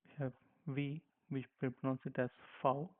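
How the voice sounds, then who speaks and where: This is a slow spoken language lesson with lots of repetition, led by a man of medium pitch who keeps a steady tone and normal speed. He patiently goes letter by letter, describing each sound. The sound quality is thin and phone-like.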